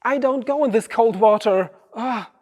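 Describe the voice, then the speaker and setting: A man's voice: very high-pitched, normal speed, a little mellow, voice pushed up. A man voicing an anxious grown man who whines and refuses to step into cold water. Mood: reluctant whining. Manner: whiny, protesting, hesitant. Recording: long reverb of a large hall.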